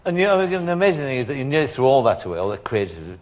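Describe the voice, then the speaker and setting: A man's voice: medium pitch, sing-song, racing, muffled recording. A man hosting a television talk show, putting probing questions to his guest, often restarting his sentences. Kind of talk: interviewing a guest.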